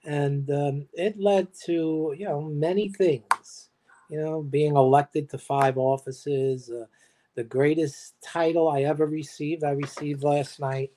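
Older guy, talks real slow, mellow voice, lots of ums. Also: a little high, fairly even intonation. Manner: slow, halting, with many fillers. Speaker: guest. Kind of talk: conversational livestream talk.

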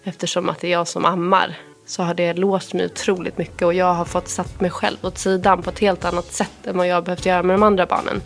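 Podcast guest: woman in her thirties from Sweden, low voice, heartfelt personal storytelling, faint music under her. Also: flat delivery, gravelly. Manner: emotional, quotes others in a retelling voice.

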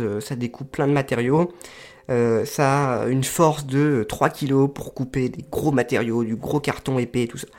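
A man explaining crafting tools casually to his viewers, hesitant and pausing often to search for words. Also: mid-range voice, darkish tone. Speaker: crafting video creator. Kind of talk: casual explanatory talk to camera.

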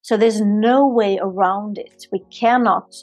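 A Swedish woman with a Swedish accent, working as a yoga therapist and physiotherapist, answers podcast interview questions earnestly and fluidly, often repeating herself for emphasis. Her voice is mid-range and somewhat dark, with fairly even intonation and a slightly slow pace, recorded without echo.

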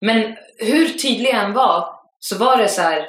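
Chatty woman in an echoey room. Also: mid-range voice. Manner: animated storytelling with frequent fillers. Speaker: podcast guest, actress. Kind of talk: casual conversation.

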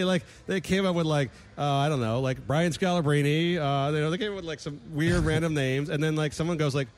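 A man co-hosting a casual comedic chat, animated and laughing often. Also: on the high side. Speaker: podcast co-host.

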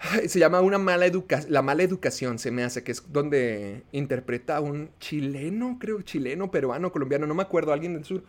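A man's voice: a little high, a little fast. A man with a Mexican accent, a podcast host giving a rambling, casual film review with many fillers.

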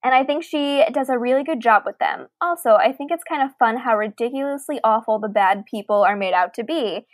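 This woman co-hosts a podcast, reading listener email aloud and chatting casually about books in an articulate, conversational style. Her voice is a little high and fairly quick with hardly any pauses, captured dry at studio quality.

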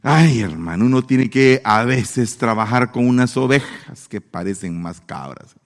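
Male preacher, lively swooping pitch, playful sermon, long echo of a hall. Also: a little slow. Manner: animated, acts out quoted voices. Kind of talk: sermon with humor.

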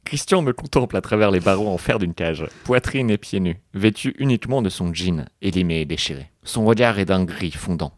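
A man's voice: deep voice, animated, a little fast, few pauses, dry recording, clean studio sound. A man co-hosting a podcast, reading a novel aloud in a joking, mock-dramatic way with banter. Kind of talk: comic book reading with banter.

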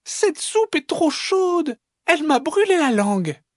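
A tiny, greedy storybook fox girl, as a man puts her on, squeaking each word slowly in a high voice that dips and soars. The sound is close and dry, with a breathy edge. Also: sing-song, no room sound, exaggerated voice. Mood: fussy, delighted.

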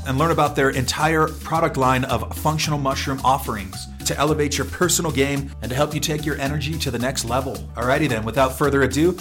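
A man's voice: mid-range voice, a bit bright. A man hosting a podcast, speaking in an exuberant, slangy, upbeat way as he introduces and interviews. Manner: exuberant, slangy greetings sprinkled with foreign phrases. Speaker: podcast host.

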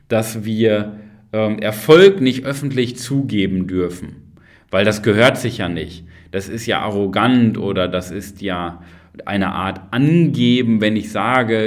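A man hosting a motivational podcast, talking straight to the listener, firing rhetorical questions and tagging on "ja?" and "ne?". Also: mid-range voice. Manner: addresses the listener directly with frequent tag questions. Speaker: podcast host and coach.

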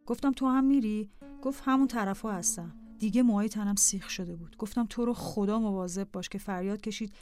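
A woman narrating a personal diary in a calm, scripted reading voice over faint music. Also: mid-range voice, few pauses.

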